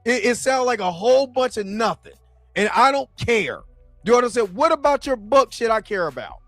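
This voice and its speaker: A man with a high voice hosts a loose reaction chat, slangy and exasperated. His delivery is animated and the sound is dry, with a little music underneath. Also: moderate pace, no room sound. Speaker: host of a comics reaction show.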